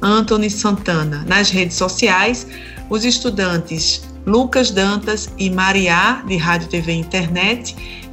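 A woman presents a radio programme in a scripted announcing style. Her voice is medium in pitch, with light music underneath. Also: fairly bright tone.

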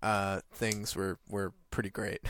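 A man's voice: mid-range voice, brisk. A man co-hosting a casual movie discussion, giving plain-spoken opinions. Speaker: podcast co-host.

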